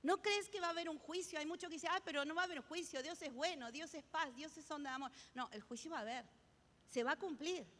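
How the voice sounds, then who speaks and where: A woman's voice: high voice, quick pace, a bit bright, long reverb tail. A woman pastor preaching a sermon, emphatic and repetitive, often restarting her words. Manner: emphatic, repeats key phrases, many restarts.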